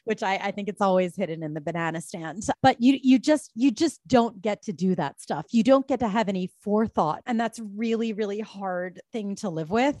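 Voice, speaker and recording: A woman in her forties, a podcast guest telling personal stories in an animated way, swearing freely and laughing often. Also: mid-range voice, normal speed, few pauses, no room sound. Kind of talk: candid conversational interview.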